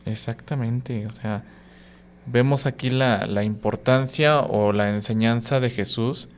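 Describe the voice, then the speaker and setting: Reflective priest, unhurried. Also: male voice, medium pitch, steady tone. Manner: reflective, explains with everyday examples; frequent "¿no?" and "¿sí?" tag questions. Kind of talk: radio podcast reflection.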